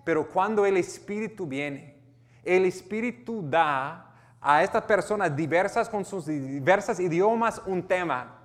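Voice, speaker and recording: Reading scripture and explaining it with earnest conviction, a pastor with an American accent frequently restarts and corrects himself. He speaks a little slowly in a high, expressive voice, and a long reverb tail trails his words.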